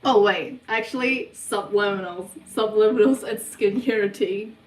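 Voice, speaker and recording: A young woman from New hosts a casual livestream Q&A, reading viewers' questions aloud and answering in an unhurried, hesitant way with lots of ums. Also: mid-range voice, recorded from a distance. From New Zealand. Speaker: livestream host of a subliminal channel. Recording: roomy sound, voice away from the mic.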